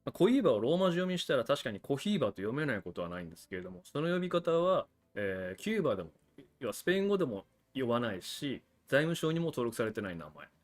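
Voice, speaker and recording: A man's voice: medium pitch, sing-song, quick pace, soft background music. A man hosting a livestream about cigars, explaining things in a chatty, casual way with frequent asides to viewers. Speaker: cigar channel host.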